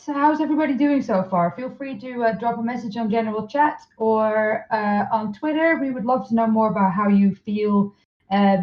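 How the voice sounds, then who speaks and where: A woman hosts a live online event in a relaxed, chatty way, her voice slightly high. Her sound comes through muffled, with a roomy echo around it. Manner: chatty, laughs often. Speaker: conference host. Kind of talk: casual live-stream chat. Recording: muffled roomy call audio.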